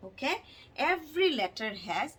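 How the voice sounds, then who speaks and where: Woman, Bangladeshi accent, phonics teacher for kids, very slow, drawn-out repetition, slightly high. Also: big pitch swings, fairly bright tone. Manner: slow, drawn-out, sing-song repetition, switching between English and Bangla. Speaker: teacher to children.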